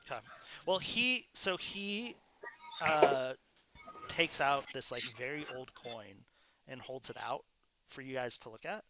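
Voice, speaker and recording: A man narrating as game master in a relaxed way, with many pauses and fillers. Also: mid-range voice, background noise. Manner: relaxed, lots of fillers and laughs.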